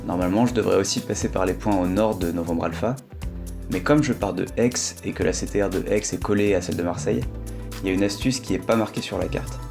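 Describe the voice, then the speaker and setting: A man's voice: deep voice, fast talker, vocal fry, darkish tone. A man narrating a flight as its pilot, in an explanatory voice-over. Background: music.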